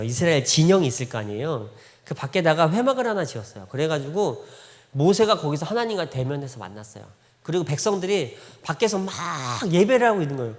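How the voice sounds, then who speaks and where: A man with a high, very animated voice preaches a Sunday sermon, swooping up and down as he tells stories casually and plays out the dialogue. His voice rings through a church hall with a long reverb tail. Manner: conversational storytelling, acting out quoted dialogue, frequent laughter. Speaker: pastor. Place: church sanctuary.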